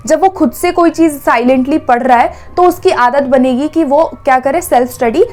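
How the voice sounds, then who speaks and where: High-voiced woman teaching exam English. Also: moderate pace, darkish tone. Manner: explains step by step, asks and answers her own questions; Hindi with English terms mixed in. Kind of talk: exam-prep lecture.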